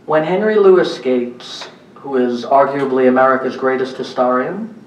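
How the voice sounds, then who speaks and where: A man's voice: mid-range voice, moderate pace, far from the mic. Emphatic man lecturing in an echoey room. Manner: emphatic, asks the audience rhetorical questions. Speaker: lecturer at a public symposium. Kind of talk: public lecture. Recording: echoey room recorded from afar, faint noise.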